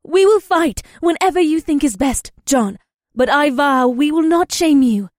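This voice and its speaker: A man voicing a soft-spoken, solemn young female warrior who is devoted to her leader. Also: very high-pitched, lively intonation, unhurried, dry recording, clean studio sound, voice pushed up.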